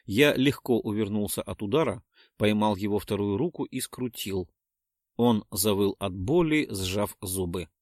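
Steady male audiobook narrator, dry sound. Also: on the low side, unhurried, dry recording. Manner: steady, rising to urgent shouts in dialogue. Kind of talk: scripted first-person narration.

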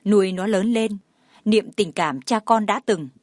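A woman voicing a reserved father who speaks in a calm, clipped way. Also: mid-range voice, measured pace, no room sound, studio quality, natural voice. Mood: cool. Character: reserved father, cool and curt.

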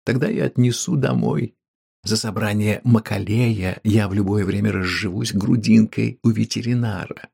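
A man's voice: on the low side, fairly even intonation, moderate pace, gravelly, darkish tone, breathy edge. A man voicing an anxious, despairing middle-aged man who mutters his worries to himself, in a storybook reading. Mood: brooding.

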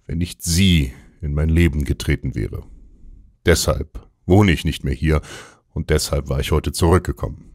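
Man, audiobook narrator, extremely deep voice, measured storytelling, dry close recording. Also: no echo. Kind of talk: scripted literary narration.

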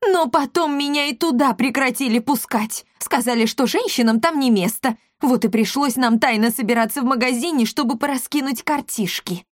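A woman's voice: sits high, normal speed, few pauses, dry recording, clean studio sound, pitched above the performer's own voice. A coy, sheepish gambler wife, as a woman voices her. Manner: coy, guilty, chattering.

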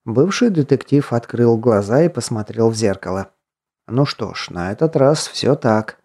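A man narrating an audiobook fantasy novel in a steady, measured reading voice. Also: medium pitch. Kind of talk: scripted narration.

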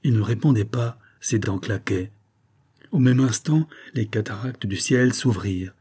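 A man reading a nineteenth-century novel aloud, narrating expressively and raising his voice for the shouted dialogue. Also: fairly low pitch, measured pace, husky. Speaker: audiobook reader. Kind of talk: dramatic audiobook narration.

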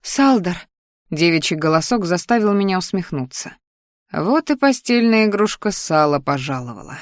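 A woman reading a novel aloud as an audiobook narrator, in steady first-person narration. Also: fairly low pitch, moderate pace, no room sound, studio quality.

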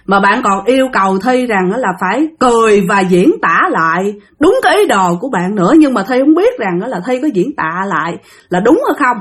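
A woman's voice: medium pitch, lively intonation, a little fast, few pauses. A woman telling a ghost story in a chatty manner, speaking directly to her listeners. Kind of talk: spoken ghost story narration.

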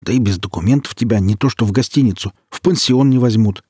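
A man voicing a smooth, persuasive helper, easygoing and talkative. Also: fairly low pitch, quick pace, darkish tone, no echo, studio quality. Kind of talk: audiobook character reading.

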